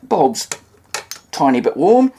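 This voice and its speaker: Slow and dark in tone, this medium-pitched New Zealand voice swings widely in pitch over a faint hiss or hum. The speaker presents an unscripted, hands-on vintage radio repair demonstration at a table in an indoor room, hesitantly thinking out loud and spelling things out carefully.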